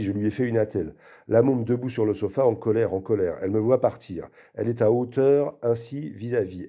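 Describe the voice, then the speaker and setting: A man giving an expressive literary reading aloud and acting out the quoted lines. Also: fairly low pitch, highs cut off. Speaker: reader.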